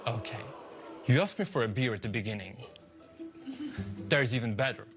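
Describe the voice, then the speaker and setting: This Swiss man, acting as a magician before judges, delivers scripted, wry comic patter in an animated mid-range voice at a moderate pace. It's recorded on a TV studio stage with a live audience and music playing.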